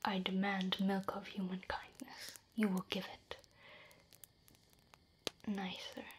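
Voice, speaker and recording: A woman's voice: medium pitch, flat delivery, slow. A woman whispering close to the mic as a proud, curious female orc warrior who speaks broken English and talks about herself in the third person. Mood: coaxing. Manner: soft close whisper throughout. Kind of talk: ASMR roleplay.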